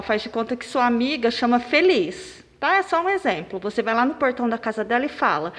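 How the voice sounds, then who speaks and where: A primary school teacher guides children through a worksheet in a recorded remote lesson. Her fairly high voice moves slowly as she claps out each syllable and hits the stressed ones loudly. The room adds a long, echoing reverb.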